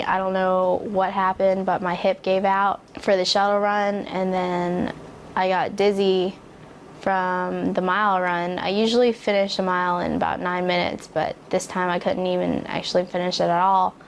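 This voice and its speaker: A woman's voice: on the low side, slight background noise. A young American woman, a recruit, giving a casual, reflective personal account. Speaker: military recruit.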